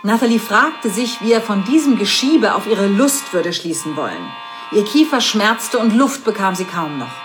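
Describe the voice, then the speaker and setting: A woman reading an adult story aloud in a measured pace, with occasional slips and restarts. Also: medium pitch, animated, over music.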